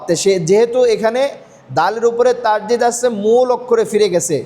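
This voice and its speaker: A man teaching Quran reading step by step, asking questions and answering them himself, slowing down to spell out letters. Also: high voice, mellow. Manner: slows down to spell out and recite letters. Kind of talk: step-by-step recitation lesson.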